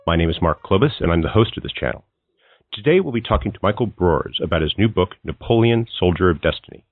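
A man hosting a podcast, asking brief, measured questions in an interview. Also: low-pitched, expressive, husky, no room sound. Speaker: podcast host. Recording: tinny phone-like line.

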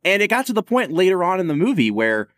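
A man's voice: sits high, sing-song, fast talker, no room sound, clean studio sound. A man co-hosting a podcast, chatting casually and opinionatedly about a film, laughing often. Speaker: podcast co-host.

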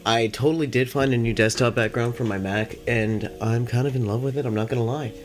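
A man who is high, chatting casually as a solo podcast host in a laid-back, rambling, slangy stoner manner with plenty of swearing, music behind him. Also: steady tone, brisk. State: high on cannabis.

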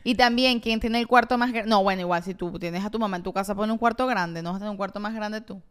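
A woman's voice: mid-range voice, fairly bright tone, smooth. A young woman, co-hosting a podcast in playful, teasing casual chat. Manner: playful, teasing, quick to laugh. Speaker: podcast co-host.

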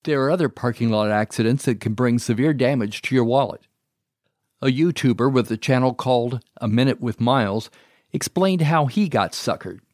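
A man hosting a show, reading a scripted narration in a measured, wry way. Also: medium pitch, lively intonation, a little mellow, dry recording, studio quality. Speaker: host.

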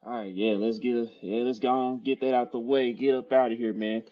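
A man's voice: medium pitch, fairly even intonation, fairly quick, soft background music. A man co-hosting a casual sports show, talking in laid-back, slangy bro style and repeating his phrases. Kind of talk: casual sports chat and sponsor plugs. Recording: slightly dull, dry audio.

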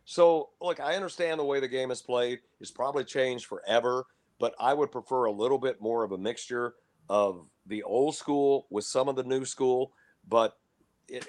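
Older broadcaster, even standard delivery. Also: male voice, medium pitch, normal speed. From Lubbock, Texas. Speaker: guest, longtime basketball broadcaster. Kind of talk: casual radio interview.

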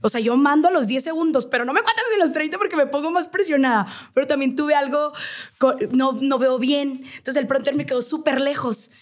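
A young woman with a Sonoran Mexican accent hosts a relaxed conversation. She tells her stories animatedly, with frequent exclamations. Her voice sits high. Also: brisk. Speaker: podcast host, TV presenter. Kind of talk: casual chat.

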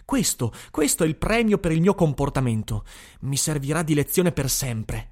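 A man's voice: a little high, animated, moderate pace, a little mellow. A man voicing an anxious, disoriented middle-aged official in an audiobook. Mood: bewildered.

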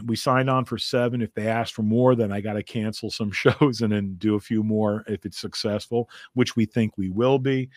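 A man's voice: lowish voice, no room sound, studio quality. A man who is a comedian, talking in a casual interview in a rambling, chatty way and laughing often. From United States. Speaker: comedian guest.

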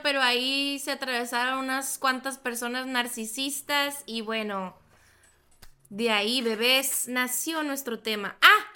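A young woman with a Mexican accent co-hosts a casual podcast. Her high voice carries a bright ring. She chats freely and laughs easily. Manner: chatty, laughs often, calls listeners "bebés". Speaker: podcast co-host. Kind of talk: casual chat.

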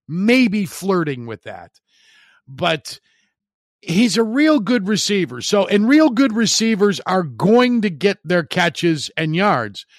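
A middle-aged man delivers a blunt, opinionated sports monologue in a somewhat high voice. He hammers his points home by repeating words. The sound is dry and close, with no room echo. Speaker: sports commentator.

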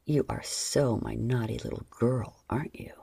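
A woman voicing a stern, commanding adult man who speaks low and slow, often half-whispered. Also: vocal fry, mellow, slightly rough, no room sound, clean studio sound, heavily acted.

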